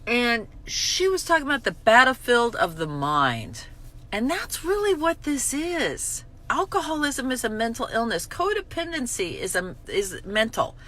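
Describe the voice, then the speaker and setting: Blunt, animated woman vlogger. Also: fairly high pitch, measured pace, a little hiss or hum. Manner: blunt, swears, self-mocking, emotional swings. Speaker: recovery vlogger. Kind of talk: candid spoken reflection on a daily reading.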